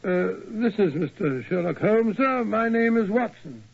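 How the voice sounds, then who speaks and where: A genial, easily flustered doctor narrates in a high, blustery voice. It comes through with the dull, muffled tone of an old 1940s radio recording. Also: male voice, expressive, unhurried, gravelly, no echo, heavily acted. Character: genial, bumbling English doctor sidekick.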